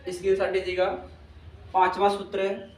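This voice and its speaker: A man's voice: high voice, monotone, normal speed, darkish tone. A man teaching a lesson, repeating each point and checking in with his listeners. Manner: repetitive, checks in with listeners often. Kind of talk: classroom lesson. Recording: echoey room, mic at a distance, faint hum.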